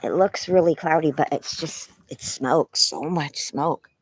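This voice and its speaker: Speaking through a face mask outdoors in a yard, a livestreamer rambles apologetically, muffled and anxious. The mid-range voice is husky and a little slow, carrying a strained, tired throat.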